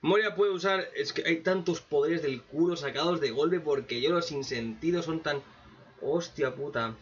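A man giving a sarcastic, profane anime commentary rant, with mocking asides and sudden loud outbursts. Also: a little high, normal speed, breathy edge. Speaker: anime reaction youtuber. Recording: dull lo-fi mic.

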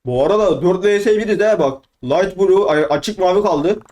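A man's voice: sits high, moderate pace, a little mellow. A young man from Turkey chatting casually over gameplay, boastful and teasing, repeating his lines. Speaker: gamer.

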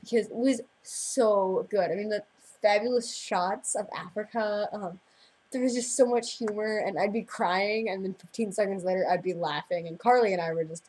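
Giggly rambling girl with a very husky voice. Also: medium pitch, normal speed, a little mellow, rough recording. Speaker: vlog host. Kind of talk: casual chat.

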